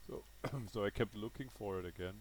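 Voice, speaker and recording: A gaming video host from Denmark, a native Danish speaker, comments casually on gameplay with a Danish accent and no script. His lowish voice runs a little fast, hesitant and self-correcting as he thinks aloud, on a low-quality recording with slight background noise.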